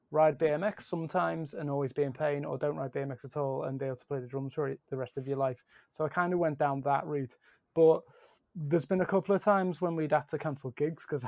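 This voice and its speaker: A man's voice: on the high side, a little mellow, no echo. A man, a musician, telling rambling stories in a casual podcast chat, often breaking into laughter.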